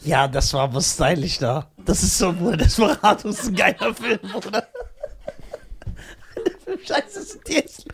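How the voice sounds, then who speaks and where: A man's voice: high-pitched, lively intonation, moderate pace, gravelly, noisy background. A man co-hosting a casual chat podcast, talking animatedly and often breaking into laughter. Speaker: podcast co-host and touring comedian.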